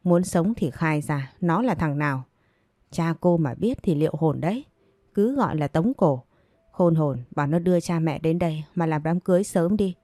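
A woman's voice: low-pitched, moderate pace, dark tone, no room sound, studio quality, lightly acted. A woman voicing a stern village mother who scolds her pregnant daughter sharply. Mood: scolding.

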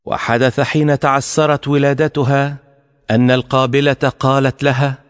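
A man giving a formal scripture reading with a measured, solemn delivery. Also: mid-range voice, flat delivery, clean tone. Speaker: scripture reader. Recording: long hall reverb.

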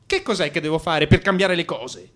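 Playing a man in crisis in a radio drama monologue, an actor sounds troubled and melancholy, brooding introspectively and faulting himself in halting, repeated phrases. The voice is a little high, animated and fairly bright in tone, carrying an anxious, lost mood.

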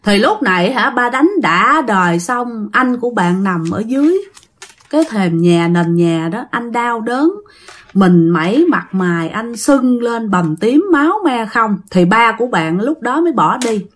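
Animated Southern Vietnamese woman storyteller. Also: on the high side, unhurried. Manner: animated, dramatic exclamations. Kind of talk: casual spoken storytelling to listeners.

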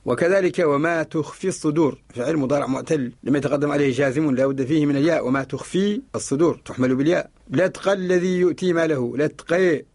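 Male Mauritanian sheikh, fast and fairly high-pitched, radio teacher who quotes and repeats verses. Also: darkish tone. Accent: Mauritanian Arabic. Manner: quotes verses and repeats words while explaining. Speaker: sheikh teaching Quranic spelling. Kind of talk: radio lesson explaining a verse text.

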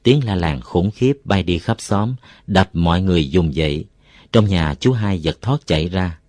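A man reading a novel aloud, calm and even, as narrator. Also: deep voice, normal speed, no echo, studio quality.

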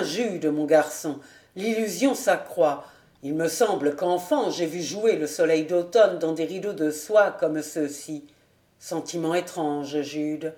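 A woman's voice: sits low, a little mellow, pitched below the performer's own voice. A woman reading aloud as a tender, dreamy young male captain, speaking wistfully. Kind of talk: audiobook reading. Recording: roomy echo.

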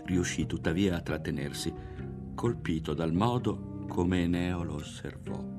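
A man reading a novel aloud as an audiobook narrator, in an expressive, dramatic way. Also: sits low, measured pace, music in the background. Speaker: audiobook reader.

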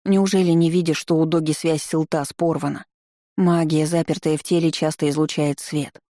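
A bossy little she-dragon snaps and grumbles at the others, as a storyteller puts her on. The voice sounds warm and mellow. It is recorded close and dry for an audiobook reading. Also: mid-range voice, level tone, moderate pace, no echo, natural voice. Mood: snappy. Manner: snappy, grumbling. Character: bossy sharp-tongued female pet dragon.

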